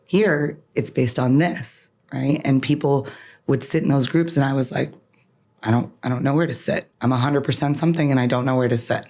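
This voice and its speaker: With an extremely low pitch, darkish tone and normal pace, this podcast guest, an attorney who grew up in Canada speaking Farsi first, talks earnestly and with emphasis about her personal experiences, often wrapping points up with "right?"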